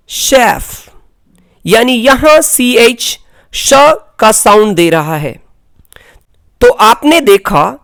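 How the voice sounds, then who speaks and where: Woman teacher with an Indian accent, slow scripted lesson narration, plain mid-range voice. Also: medium pitch. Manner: slow, deliberate explanation. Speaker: English teacher.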